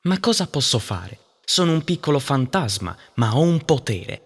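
A woman's voice: low-pitched, big pitch swings, moderate pace, breathy edge, voice pushed down, full character voice. A woman voicing a mischievous little boy ghost in a children's storybook reading, with a playful put-on voice. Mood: worried.

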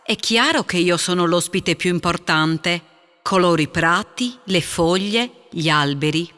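A woman's voice: on the low side, measured pace, a bit bright, in a large hall. A woman doing the smug color green. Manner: self-important. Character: self-important color green.

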